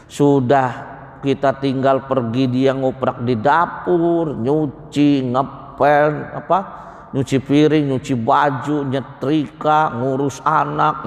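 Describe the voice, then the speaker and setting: A middle-aged man giving a conversational mosque sermon as a preacher, telling lively stories and acting out everyday dialogues. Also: medium pitch. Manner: lively storyteller who acts out everyday dialogues. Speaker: Islamic preacher. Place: mosque hall. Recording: long reverb of a mosque hall.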